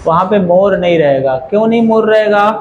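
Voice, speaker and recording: A man's voice: high-pitched, lively intonation, a little fast, highs cut off, slight background noise. A man teaching an English grammar class, who explains patiently and keeps asking his students questions. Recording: echoey classroom.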